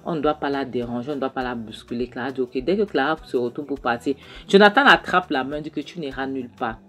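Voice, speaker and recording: Low-voiced woman recapping a film. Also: fast talker, faint music behind. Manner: retells scenes line by line, often checking in with the listener. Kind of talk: casual film recap storytelling.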